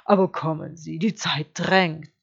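A woman doing a sly, lisping wolf gentleman. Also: steady tone, vocal fry, slightly rough, dull audio, heavily acted. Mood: suave. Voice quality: deep, lisping, overly polite. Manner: slow, suave, mock-courteous. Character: sly, smooth-talking hungry male wolf. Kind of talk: storybook reading.

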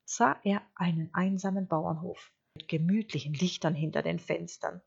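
A woman reading a children's story aloud in a slow, expressive storytelling manner. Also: lowish voice, vocal fry, slightly rough, highs cut off. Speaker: narrator.

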